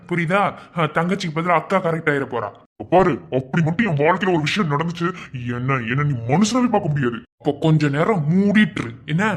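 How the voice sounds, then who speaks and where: A man's voice: on the high side, lightly acted. A man voicing a blunt young man in a cartoon who lectures his lovesick friend, in a Madurai Tamil accent. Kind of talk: animated cartoon voice acting.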